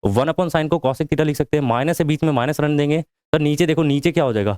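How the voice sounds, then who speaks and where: A man with a slightly high voice teaches maths step by step, putting questions to his class and answering them himself. He is from India. The recording is dry and close, with little room sound. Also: brisk, darkish tone, no echo. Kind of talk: whiteboard lesson.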